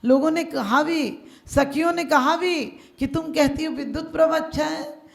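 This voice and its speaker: Gravelly-voiced woman preaching in an echoey hall. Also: high voice, unhurried. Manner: storytelling, acting out characters' lines, occasionally chanting verses. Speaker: Jain nun preacher. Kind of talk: sermon with stories and verses.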